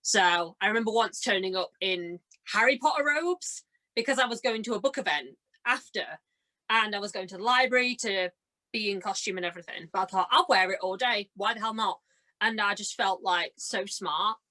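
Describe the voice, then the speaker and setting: As a podcast guest, a young woman in her twenties speaks at a normal pace with a medium pitch and a sharp edge. Her casual conversation bubbles with giggles, lively anecdotes and impressions of what others said.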